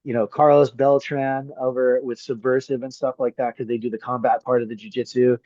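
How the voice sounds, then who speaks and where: A middle-aged man, a grappling referee and coach, chatting as a podcast guest; he tells stories with lively energy, swears freely, and acts out the people he quotes. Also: medium pitch, a little fast, dry recording. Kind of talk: casual chat. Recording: slightly muffled dry podcast audio.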